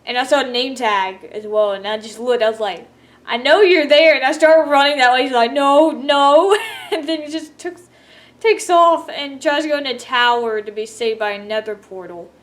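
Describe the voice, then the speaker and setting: A woman's voice: on the high side, brisk. A woman telling a rambling gaming story in a sleepy, casual way, laughing often as she goes. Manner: rambling, laughs often, quotes others in voices. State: sleepy, yawning. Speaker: gaming vlogger.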